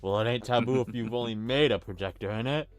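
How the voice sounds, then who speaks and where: A man's voice: medium pitch, quick pace, no echo, soft background music. A man on a casual livestream with friends, reading game lines in a mock-formal way between jokes. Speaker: streamer voicing a game's dialogue.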